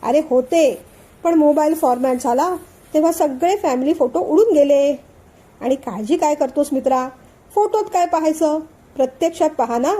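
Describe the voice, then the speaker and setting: Woman doing a cheerful buddy who keeps teasing and calming his pal, storybook reading. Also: sits high, moderate pace, close to an everyday voice. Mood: coaxing. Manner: playful, soothing, laughing. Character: cheerful teasing male friend, coaxing.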